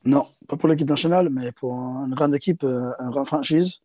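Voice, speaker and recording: This rugby player, a South African man, answers interview questions in French that is hesitant and second-language, with many fillers and restarts. The interview is casual. His pitch is medium, his speed normal, and his mellow voice carries no echo.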